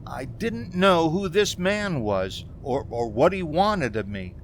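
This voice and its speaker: Heavily acted and very animated, this performance casts the actor as an anxious, haunted young man driving cross-country alone in a 1940s-style radio drama with narration. The voice is high and slow, hesitant and pleading, with a haunted, brooding mood, and faint background noise marks the community theater recording.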